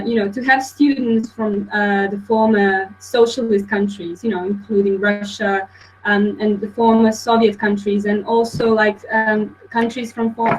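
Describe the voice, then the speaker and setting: Young woman, webinar guest, halting delivery, fairly high voice. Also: slight background noise, rough recording. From Croatia. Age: young adult. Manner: hesitant, filler-heavy, many restarts. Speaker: guest speaker. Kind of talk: webinar presentation.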